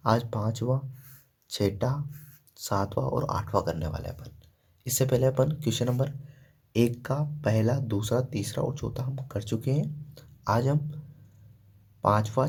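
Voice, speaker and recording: Gravelly-voiced man teaching math. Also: medium pitch, darkish tone. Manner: asks questions and answers them himself, repeats "ठीक है" and "देखो". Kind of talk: step-by-step board lesson.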